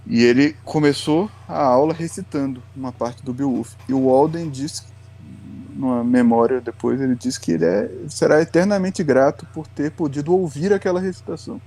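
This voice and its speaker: A man's voice: mid-range voice, normal speed, dark tone. A man as the guest educator on a podcast, explaining at length in a patient, lecturing way. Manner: patient, lecturing, often tags lines with "né".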